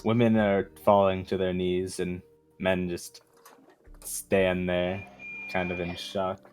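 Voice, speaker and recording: A man narrating as game master of a tabletop role-playing game, slow and halting with many fillers. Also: sits low, level tone, a little mellow, smooth.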